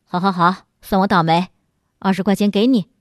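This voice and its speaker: A woman voicing a crafty country man newly arrived in the city, in a lowered, plainspoken voice. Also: normal speed, no echo, clean studio sound, lightly acted. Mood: resigned.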